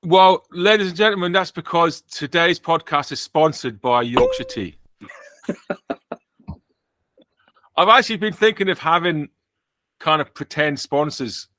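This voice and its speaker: Man, English accent, podcast host, dry self-mocking humor, crisp bright tone, close dry sound. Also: fairly high pitch, wildly swooping pitch, unhurried, long pauses, dry recording. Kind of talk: casual podcast chat.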